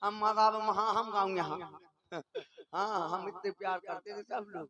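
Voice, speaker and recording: A man with a Bundeli accent telling a comic story on a village stage, in a rustic, playful manner, with childish voices he puts on. His voice sits fairly high, and a crowd is clearly heard behind it. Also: steady tone, normal speed. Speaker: stage comedian. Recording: live stage show with crowd noise.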